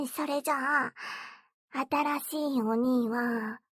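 A woman's voice: sits high, steady tone, slow pace, fairly bright tone, slightly rough, dry recording, studio quality, heavily acted. A woman voicing a bratty, teasing young stepsister girl in a whispered role-play, taunting and giggly as she coaxes. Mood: playful.

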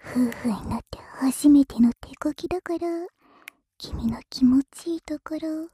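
A woman voicing a teasing young wife who uses magic, speaking in a soft, close whisper in an ASMR roleplay. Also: high-pitched, measured pace.

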